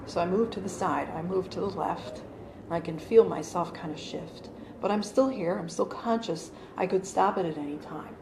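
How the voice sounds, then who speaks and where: With a voice on the low side and a moderate pace, a woman in her forties chats to a small living-room group about her channeling, stumbling through many fillers and restarts. A phone camera across the room records her, and the sound comes out roomy with a faint background hum.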